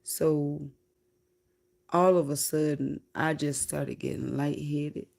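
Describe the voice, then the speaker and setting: Woman livestreamer, unhurried spiritual storytelling, gravelly fry in the voice. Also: low-pitched, fairly even intonation, darkish tone. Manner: slow, drawn-out, reflective, casual swearing.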